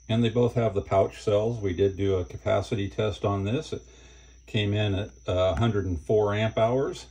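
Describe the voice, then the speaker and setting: An older man talks through a hands-on gear review at his indoor workbench. His voice sits low and a little husky, and he speaks in a relaxed, plain way with fillers. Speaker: channel host reviewing batteries. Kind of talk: casual hands-on product review.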